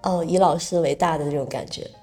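A woman's voice: low-pitched, steady tone, brisk, a little mellow, soft background music. A woman from mainland China hosting a podcast in casual chat, curious and full of questions, laughing often. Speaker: podcast host.

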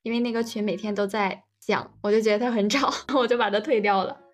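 A woman's voice: medium pitch, steady tone, fast talker. A young adult woman, chatting casually. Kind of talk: casual chat. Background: music.

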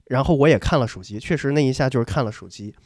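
A young man talks fast in a relaxed chat, spinning a story for his co-hosts. He slips into the voices of the people in it and often doubles back on his words. The sound is close and dry, with no room around him. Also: mid-range voice, no room sound. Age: young adult. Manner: lively anecdote telling, acting out dialogue, repeats words. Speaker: podcast co-host.

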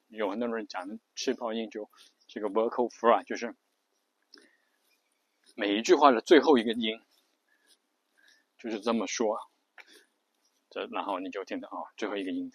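A man casually explaining a speech habit, rambling with many fillers and stopping to demonstrate creaky, drawn-out word endings. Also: on the low side, no echo.

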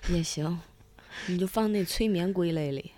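A woman's voice: fairly low pitch, moderate pace, mellow. Young woman in casual conversation. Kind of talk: casual improvised chat.

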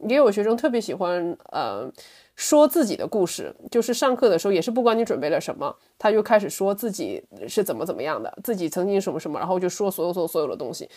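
Fast-talking, animated woman in casual chat. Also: lowish voice. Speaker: podcast guest, language teacher. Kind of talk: casual chat, telling anecdotes.

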